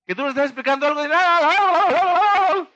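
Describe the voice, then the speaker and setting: A man with a Mexican accent giving a motivational talk to an audience, pausing to throw them rhetorical questions and act out little dialogues. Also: very high voice, bright, forceful tone, lo-fi sound. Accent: Mexican Spanish. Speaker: motivational speaker.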